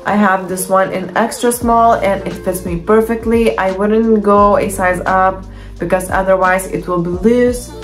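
A young woman, a fitness coach, talks through a try-on haul in her bedroom, speaking straight to the camera. Her English is that of a Lithuanian native speaker, chatty and enthusiastic, and she often restarts her sentences. Faint music plays behind her, and her voice sits at a middle pitch. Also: steady tone, a little slow. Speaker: fitness coach reviewing gym clothes. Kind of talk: casual try-on haul talk. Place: bedroom at home.

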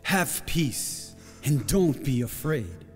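An actor playing a calm, solemn angel on stage, speaking in a measured, reassuring way. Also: male voice, medium pitch, slightly rough, exaggerated voice. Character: calm, solemn male angel sent by God. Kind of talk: projected stage drama acting. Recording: long hall-like reverb. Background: music.

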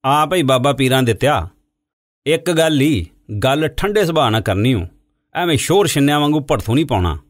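A man's voice: medium pitch, expressive, moderate pace, dry recording, clean studio sound, natural voice. A man voicing a coaxing, persuasive male cattle broker in an audiobook.

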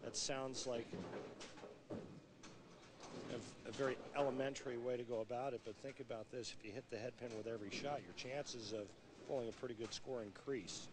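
Heard over the loud ambience of a bowling venue, this broadcast features a middle-aged American man calmly explaining the play during a televised championship. His mid-range voice keeps a steady tone at normal speed, and his analysis feels conversational.

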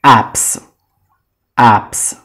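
A Persian-speaking man teaching English vocabulary. He says each word slowly, repeats it several times, and then explains it. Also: fairly bright tone. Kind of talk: slow vocabulary drill with repetition.

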